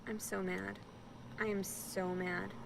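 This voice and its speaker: A woman's voice: medium pitch, little pitch movement, takes it slowly, gravelly, noisy background. A distressed woman ranting tearfully and repetitively to her camera in a vlog, in pain and upset. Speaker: vlogger. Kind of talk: emotional vlog rant.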